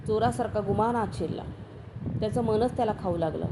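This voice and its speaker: A woman reading a story aloud as narrator, steady and measured. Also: mid-range voice, noisy background. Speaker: story reader.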